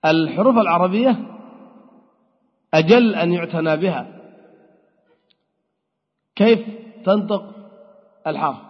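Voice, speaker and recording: Guy teaching grammar, fairly high husky voice, muffled lo-fi hall recording with long reverb. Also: measured pace, long pauses. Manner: explanatory, asks and answers his own questions. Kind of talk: classroom lecture. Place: lecture hall.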